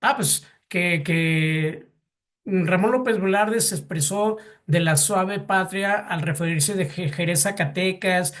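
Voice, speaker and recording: A man's voice: sits high, takes it slowly, a bit bright. A man with a Mexican Spanish accent teaching a class, hesitant, with many fillers and repeated words, asking the students questions. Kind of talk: classroom lecture.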